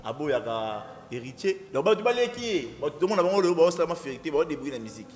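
Fast-talking man in an echoing studio. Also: a little high, a little hiss or hum. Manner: rapid, animated, repetitive, mixes French with Lingala. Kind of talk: excited talk-show chat.

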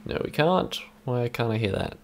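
A young adult man, a vlog host and electronic musician, talks through a music patch demonstration in a laid-back, informal way from a small indoor room at his computer. His mid-range voice is gravelly and expressive at a moderate pace, with background noise and synthesizer music behind him.

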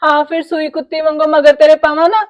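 An actress playing a sharp-tongued young village woman with a Punjabi accent, firing back mocking retorts. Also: high voice, level tone, quick pace, natural voice.

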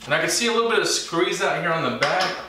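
A man, a woodworking channel host, giving relaxed, plain-spoken how-to narration with small self-corrections. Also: a little high, fast talker. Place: home garage workshop. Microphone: camera mic from across the room. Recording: very echoey garage, distant mic, faint hiss.

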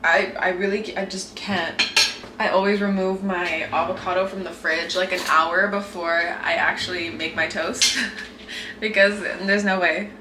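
A woman's voice: fairly low pitch, fairly even intonation, unhurried. A young woman talking casually to her camera while making breakfast at home, full of "like" fillers. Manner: chatty, lots of "like" fillers. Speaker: vlogger. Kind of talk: casual vlog chat. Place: home kitchen. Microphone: handheld camera mic. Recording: echoey room with faint noise.

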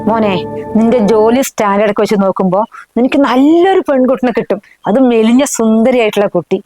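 A woman's voice: fairly high pitch, fast talker, music in the background, natural voice, poor audio. A woman playing a scornful scheming mother. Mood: persuading. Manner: scornful, nagging, insulting. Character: scheming, sharp-tongued middle-aged mother. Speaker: mother-in-law. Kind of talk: short film drama.

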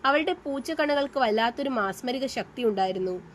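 High-voiced woman narrating a romance story. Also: lively intonation, fairly quick, slight background noise.

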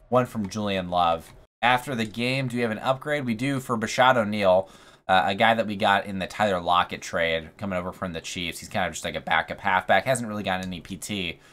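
A man giving play-by-play commentary over his football video game, his voice a little worn, getting excited on big plays. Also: on the low side. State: slightly losing his voice. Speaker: gaming YouTuber. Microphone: USB condenser mic.

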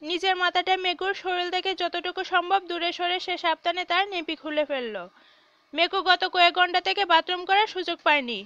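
Bright high-voiced woman storyteller. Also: fairly even intonation, moderate pace, no room sound. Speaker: audiobook narrator. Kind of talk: storytelling narration. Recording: dull, dry recording.

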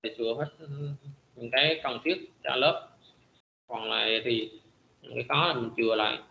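A middle-aged man teaching a high school math class in a classroom lecture, filling his pauses with frequent hesitant "à" sounds. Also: gravelly, pushed and bright, reverberant, highs cut off.

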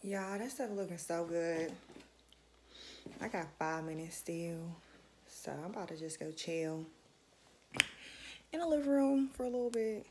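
A woman's voice: fairly low pitch, unhurried, pauses often, heavy background noise. A young woman chatting casually to her viewers while she cooks and eats at home, filmed by a camera set a little way off in a small kitchen. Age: young adult. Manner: chatty, talks straight to viewers. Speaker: vlogger. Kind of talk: casual cooking vlog.

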